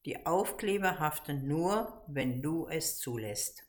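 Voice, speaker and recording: A big, bearded woodcarver speaks gently and reassuringly, as a woman reads him aloud. He sounds kind and patient. This is a storybook reading. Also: sits low, very animated, unhurried, exaggerated voice. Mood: gentle.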